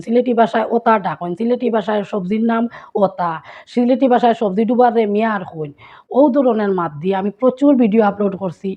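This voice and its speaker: Sylheti-accented woman vlogging, going through local words one by one, kinda husky, muffled recording. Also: medium pitch. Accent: Sylheti Bengali. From Sylhet, Bangladesh. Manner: repetitive, listing words and their local forms. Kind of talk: casual vlog teaching dialect words.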